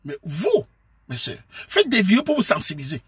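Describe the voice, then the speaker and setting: Husky, fast-talking Cameroonian man lecturing. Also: sits high, huge pitch swings, no echo, studio quality. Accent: Cameroonian French. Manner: preachy, emphatic, scolding, bursts into shouting. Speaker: online commentator. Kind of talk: lecturing monologue to viewers.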